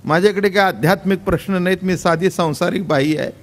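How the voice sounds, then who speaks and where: A man's voice: high voice, brisk, close to an everyday voice. An older man voicing an ordinary housewife, pleading and then defiant, inside a kirtan story. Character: stubborn ordinary housewife, middle-aged woman.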